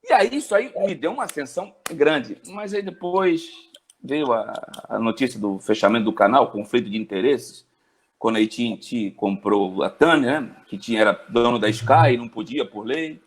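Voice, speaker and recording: A sports journalist in his forties from Brazil, telling his story in an interview with animated swings in pitch. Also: moderate pace, slightly rough. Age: 40s.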